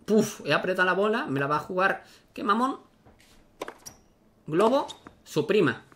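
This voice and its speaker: A man giving excitable, casual commentary on his own gameplay, talking to himself as he plays. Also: high voice, brisk, slight background noise. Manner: excitable, talks to himself while playing. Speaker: gaming YouTuber.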